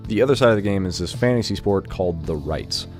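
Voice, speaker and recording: A man with an extremely low voice hosts a casual video game first-impressions show. He talks informally, loosely thinking aloud. Faint music plays behind him. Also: expressive, fast. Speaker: video game review host.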